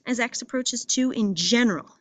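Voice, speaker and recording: A woman teaching a math lesson in a school, talking in a lively, emphatic way and repeating phrases for stress. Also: a little high, normal speed, dry recording. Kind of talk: classroom lesson walking through graphs. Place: school classroom or building with loudspeaker.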